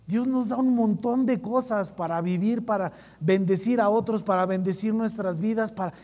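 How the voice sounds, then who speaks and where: A man jokes his way through a youth sermon in casual slang. His voice is very high, and a long hall reverb trails behind it. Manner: lively, joking, slangy. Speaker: youth group speaker.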